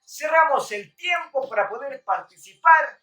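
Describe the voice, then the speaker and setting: A woman with a higher voice leads a live Quechua lesson and quiz, calling out to her viewers in a lively way. She sounds set back from the mic in an echoey room, with faint music underneath. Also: unhurried, recorded from a distance. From Bolivia. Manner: lively, calls out to viewers, counts down. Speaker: Quechua teacher on a live stream.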